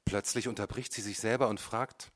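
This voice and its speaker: A man reading a novel aloud in measured, dramatic first-person narration. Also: fairly low pitch, steady tone, a bit bright. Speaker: audiobook reader. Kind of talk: scripted literary narration.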